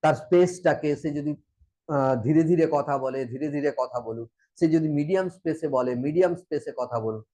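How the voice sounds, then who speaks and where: A man's voice: fairly high pitch, moderate pace, dark tone, low-quality recording. A man with a Bengali accent teaching a coaching lesson, acting out short example conversations as he explains. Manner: explains with acted example dialogues. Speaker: mental wellness coach.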